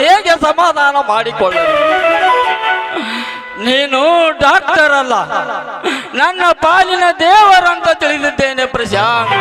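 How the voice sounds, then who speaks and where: A grief-stricken young brother cries out slow, high-pitched laments to God, played by a man. His pitch swings widely as he declaims. Loud live stage music plays behind him throughout. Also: exaggerated voice. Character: poor young brother, grieving, melodramatic. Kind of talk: village stage drama.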